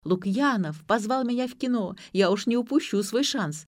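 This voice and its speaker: A woman's voice: animated, dry recording, clean studio sound. A woman voicing a brash, stubborn young woman. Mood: excited. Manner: high-pitched, quick and indignant.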